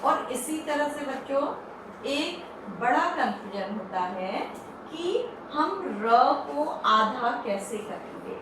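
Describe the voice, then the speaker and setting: Slow, patient woman teaching Hindi. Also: a little high, distant mic. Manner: slow, patient explaining with questions to the class. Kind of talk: classroom lesson for children. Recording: echoey room, off-mic, faint hiss.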